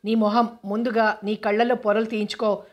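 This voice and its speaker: A woman's voice: mid-range voice, level tone, a little fast, dull audio, natural voice. A woman reading the lines of an exasperated young husband who speaks bluntly. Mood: angry. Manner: angry, blunt.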